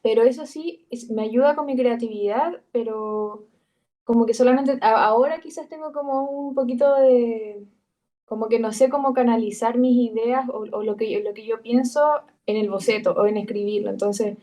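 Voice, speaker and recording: A woman's voice: a little high, steady tone, normal speed, mellow. A woman, an art student in an online class, speaking hesitantly with restarts as she asks her teacher for tips. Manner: hesitant, many restarts and fillers. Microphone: video call.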